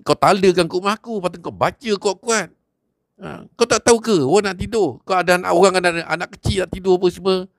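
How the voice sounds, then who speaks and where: Hot-headed young village tough, shrill and ranting, a male storyteller doing the voice, dry close sound. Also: no room sound. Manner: shouting, scolding, high strained voice. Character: angry young village man, short-tempered and rude.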